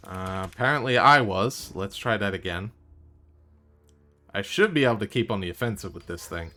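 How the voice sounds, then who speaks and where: A man's voice: on the low side, animated, moderate pace, sharp tone. A man streaming a video game live, commenting in a wry, offhand way and swearing freely. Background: game music.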